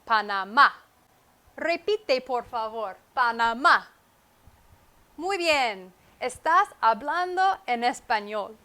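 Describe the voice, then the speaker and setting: A woman teaching Spanish with comprehensible input. She speaks slowly and deliberately, repeats key words and adds short English glosses. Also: high voice, big pitch swings, a bit bright. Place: at a whiteboard. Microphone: wireless microphone.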